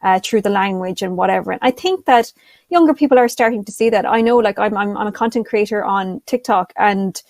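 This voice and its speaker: A young woman, a content creator, speaks enthusiastically as a panelist on an online video call, with many fillers and restarts. Her medium-pitched voice is brisk and a little mellow, with no echo.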